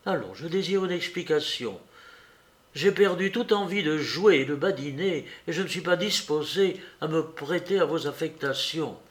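A proud, hot-tempered young woman in an audiobook, put on by a male reader. She scolds in a sharp, raised voice, pushed up higher than a man's usual tone. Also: expressive, normal speed, lightly acted. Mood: indignant. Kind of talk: audiobook character reading.

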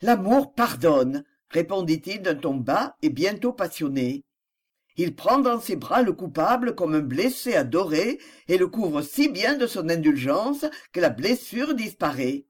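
An audiobook narrator reading a novel with scripted, expressive narration. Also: medium pitch, measured pace.

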